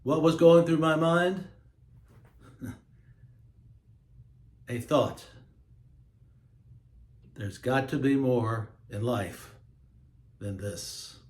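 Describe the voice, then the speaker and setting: A man hosting his own show, talking in a slow, emphatic, preachy monologue. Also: medium pitch, darkish tone, roomy sound. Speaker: host. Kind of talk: monologue to camera.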